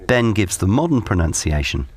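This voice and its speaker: A man's voice: low-pitched, very animated, normal speed, a little mellow. A man reading scripted documentary narration as the narrator.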